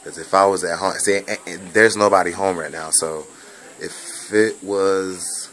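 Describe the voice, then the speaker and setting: In a hospital room, a young man with a deep, steady, fairly bright voice records a personal vlog message while recovering from bronchitis. His accent mixes Bahamian, Jamaican and American, and he rambles in a repetitive, drawn-out way.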